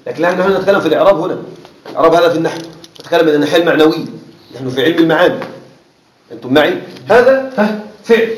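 A man teaching a class on Arabic rhetoric, repeating words slowly and often asking his students whether they follow. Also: sits high. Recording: echoey classroom with faint noise.

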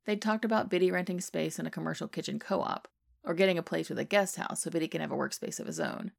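Woman reading a story, gravelly low voice. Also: quick pace, no echo, clean studio sound. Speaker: podfic reader. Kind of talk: scripted narration of fan fiction.

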